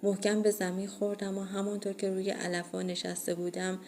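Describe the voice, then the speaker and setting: A woman reading a first-person horror audiobook in a steady, measured way. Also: medium pitch, slight background noise. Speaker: audiobook reader.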